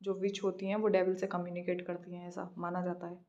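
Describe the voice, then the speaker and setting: A woman teaching an English exam practice lesson, reading out questions slowly and explaining answers in a mix of Hindi and English. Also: fairly low pitch, completely flat delivery, darkish tone, dull audio.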